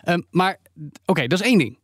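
A man's voice: sits high, sing-song, no room sound, studio quality. A man hosting a podcast debate who sums up points and steers the talk. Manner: brisk, steers the discussion.

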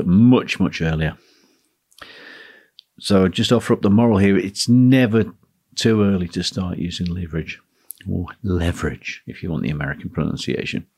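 A man hosting a solo talk on running a teaching business, speaking in a relaxed, musing way. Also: low-pitched, slightly rough. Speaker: podcast host, guitar teacher.

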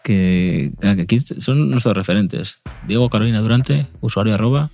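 A man co-hosting a casual podcast about football, laughing often and joking at his own expense, with halting restarts. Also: on the low side, vocal fry, mellow, soft background music. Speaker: podcast co-host.

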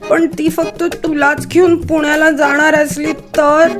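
A spirited little girl with a bright, high, childlike voice, quick to plead and quick to cry, as a woman storyteller puts her on. The pitch sits well above an ordinary adult woman's speech. A faint music bed plays underneath. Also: animated. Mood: tearful. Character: lively little girl, bold and tearful.

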